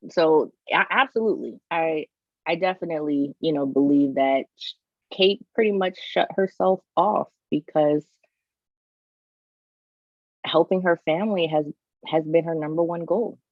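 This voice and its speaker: A woman's voice: deep voice, measured pace, dry recording, dull audio. A woman co-hosting a casual podcast chat, thinking aloud and restarting her sentences. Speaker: podcast co-host.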